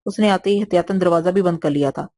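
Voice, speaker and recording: A woman narrating an audio novel in a steady, even storytelling manner. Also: fairly low pitch, a little hiss or hum. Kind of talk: scripted narration.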